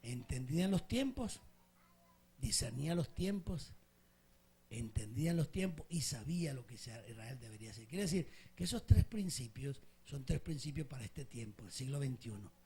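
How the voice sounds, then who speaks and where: A man's voice: mid-range voice, big pitch swings, normal speed, warm tone, husky. A male pastor preaching a sermon with passion, telling stories to his congregation. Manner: impassioned storytelling preacher.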